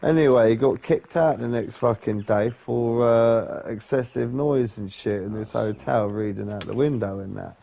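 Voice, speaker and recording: A man's voice: mid-range voice, normal speed, gravelly, hardly any pauses. Rambling, sweary man, lo-fi sound. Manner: rambling, sweary, says "yeah?" often. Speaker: podcast co-host. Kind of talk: casual storytelling chat. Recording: dull lo-fi sound.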